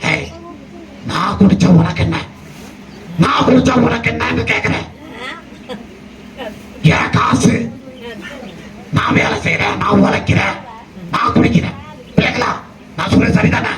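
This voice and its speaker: A man playing a drunken, quarrelsome village father in a church stage skit, shouting and defiant. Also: high voice, moderate pace, long pauses. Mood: belligerent. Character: drunken angry village father, middle-aged. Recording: roomy hall with audience noise.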